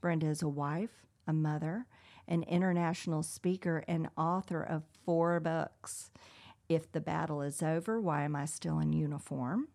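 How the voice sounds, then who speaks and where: A woman's voice: low voice, moderate pace, vocal fry, mellow. A woman co-hosting an interview show, introducing a guest and laughing often. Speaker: co-host, speech pathologist. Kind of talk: talk show introduction and chat.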